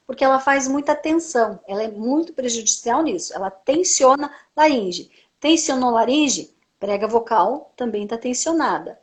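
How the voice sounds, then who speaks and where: A woman's voice: fairly high pitch, animated, normal speed, hardly any pauses. Woman patiently explaining to a singer. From Brazil. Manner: didactic, asks rhetorical questions and answers them; frequent tag "né". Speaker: speech therapist. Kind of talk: live-stream conversation, explaining.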